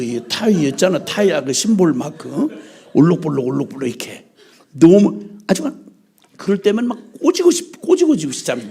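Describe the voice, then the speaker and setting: Animated, gravelly-voiced Korean preacher man. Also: sits high. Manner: animated and joking, mimics his mother's scolding. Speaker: missionary preacher. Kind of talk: humorous sermon storytelling. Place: church revival meeting.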